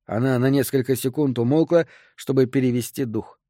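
A man narrating an audiobook in the first person at a steady, measured pace. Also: mid-range voice, dry recording, clean studio sound.

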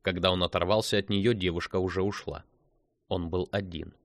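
A man narrating an audiobook in a measured, even reading. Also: sits low, no room sound, studio quality.

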